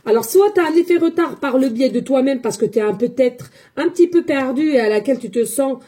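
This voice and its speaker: A psychic medium who gives tarot readings talks casually to her viewers in a spoken monologue. Her voice sits high, with a brisk pace and a warm tone, and she comes across as defensive and repetitive, filling her speech with fillers.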